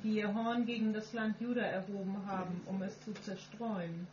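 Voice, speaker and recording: A woman in the congregation reading a Bible passage aloud in a formal, measured manner. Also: medium pitch, fairly even intonation, loud music behind the voice. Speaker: congregation member reading scripture. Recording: echoey, muffled distant hall recording.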